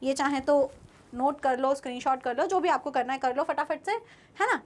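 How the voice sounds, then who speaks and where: A woman's voice: sits high, normal speed. A young woman teacher giving an online class lecture. She keeps asking her students questions and then answers them herself.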